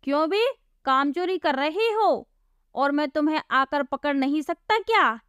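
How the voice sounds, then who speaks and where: A stern, bossy landlord of a storybook tale scolds and threatens his workers, as a woman reads him. The voice sits high and unhurried. It sounds dry and close. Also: lively intonation, a bit bright, no echo. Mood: scolding.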